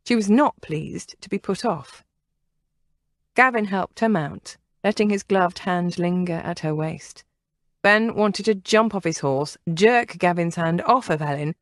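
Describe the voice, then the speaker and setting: A woman narrating a historical romance audiobook in a measured storytelling manner. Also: lowish voice, no room sound, clean studio sound. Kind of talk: scripted narration.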